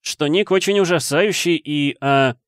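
A man voicing a nervous young schoolboy who speaks in a hurried, urgent way in an audiobook reading. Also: a little high, clear, resonant tone, no room sound, clean studio sound, pitched above the performer's own voice, close to an everyday voice.

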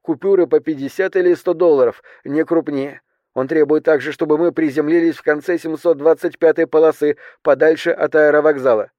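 A man voicing a young female flight attendant who reports in a hushed, tense way. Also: on the high side, fairly even intonation, a little fast, dry recording, lightly acted.

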